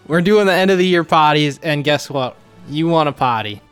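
A man's voice: on the high side, animated, a little slow, a bit bright, clean tone, faint music behind. A man co-hosting a comedy podcast, dry and teasing in casual chat. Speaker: podcast co-host.

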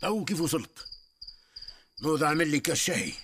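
A man's voice: a little high, very animated, a little fast, noisy background. An actor with a southern Tunisian accent playing a proud new village chief who barks curt orders at his servant. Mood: commanding. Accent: southern Tunisian Arabic. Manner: commanding, curt, boastful. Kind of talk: radio drama acting.

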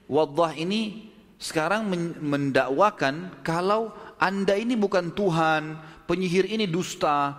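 Male palace soldiers bring an urgent, deliberate report to their king, as a man acts them out. The voice sits high. A long hall reverb follows every word.

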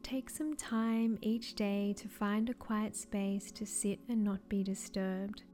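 A woman wellness coach reading scripted guidance in a soft, soothing, measured way. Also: mid-range voice, level tone. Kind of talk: scripted wellness narration, guided relaxation. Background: music.

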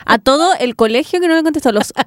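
Fast, blunt Chilean young woman. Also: high-pitched, animated, no room sound, studio quality. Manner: blunt, dramatic exaggeration. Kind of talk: casual chat.

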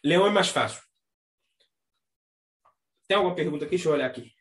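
A man with a Brazilian Portuguese accent hosting a casual astrology chat, talking in a slangy, animated way and mimicking the people he describes. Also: fairly high pitch, fast talker. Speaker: astrology talk host. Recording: echoey room.

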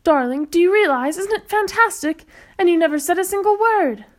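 An excitable, flustered mother from a children's storybook, as a woman reading aloud puts her on. She gushes in a high, breathless voice, her words tumbling out in a rush. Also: moderate pace. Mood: gushing. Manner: breathless, gushing.

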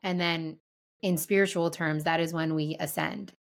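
A woman's voice: sits low, steady tone, moderate pace, gravelly. A woman co-hosting a podcast as an energy healer, chatting casually, laughing often and using spiritual wording.

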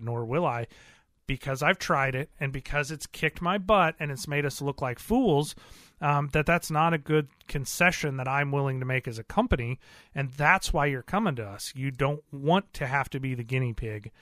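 A man's voice: mid-range voice, a bit bright, no echo, studio quality. A man who owns an auto repair shop, talking in an earnest, plain-spoken and rambling way, with many fillers. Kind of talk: casual interview talk.

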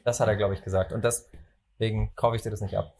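A young man from Germany hosting a casual football chat, opinionated and animated when he makes a point. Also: fairly low pitch, fairly quick. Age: young adult. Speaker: podcast host.

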